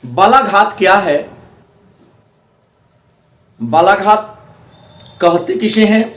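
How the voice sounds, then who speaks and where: A man's voice: high voice, lively intonation, slow, a bit bright. A male teacher from India explains a grammar lesson step by step, repeating his points and stressing syllables as examples. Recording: echoey room.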